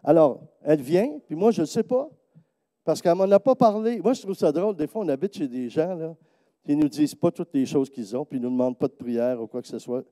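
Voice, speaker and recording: A man with a Quebec French accent preaches a sermon testimony in church, speaking fairly quickly with no echo. He tells stories vividly, acting out the people in them in a higher voice.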